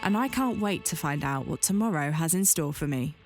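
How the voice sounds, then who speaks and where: Woman, nature documentary narration, scripted travel host, animated intonation, background music. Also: low voice, brisk.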